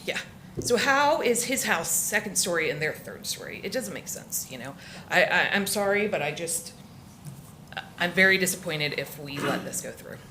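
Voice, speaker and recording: A woman who grew up locally in Florida, speaking at public comment in a council meeting, emotional and halting with many restarts. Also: fairly low pitch, lively intonation, sharp tone, slight background noise.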